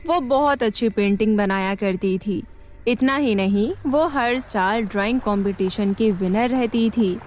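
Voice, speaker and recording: A woman narrating a cartoon story in a steady, scripted storytelling manner. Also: a little high, a little hiss or hum.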